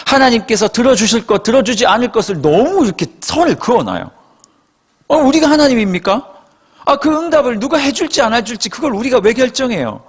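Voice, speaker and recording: Animated husky-voiced male pastor preaching. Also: very high voice, a little fast. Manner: lively storytelling with acted-out quoted dialogue; addresses listeners directly and conversationally. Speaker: pastor of a young adult congregation. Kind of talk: sermon. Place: church worship service.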